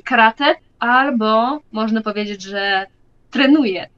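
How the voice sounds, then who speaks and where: A young woman in her twenties speaking with a Polish accent, calm and matter-of-fact. Her voice sits a little high. The sound is dull and lo-fi, as if from a cheap webcam mic. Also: slow. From Poland. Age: 20s. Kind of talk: casual video chat. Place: home kitchen. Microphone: webcam video call.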